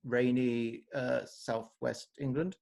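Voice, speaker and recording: A man's voice: medium pitch, steady tone, slow pace, creaky, darkish tone. A man hosting a casual football podcast, friendly and rambling, laughing easily. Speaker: podcast host.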